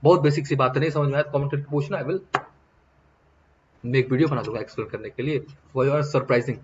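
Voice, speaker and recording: A male teacher giving a science lesson. He keeps asking questions and answering them himself, and he reads out English definitions slowly. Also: medium pitch, fairly even intonation, background noise. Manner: repetitive question-and-answer explaining. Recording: dull lo-fi recording.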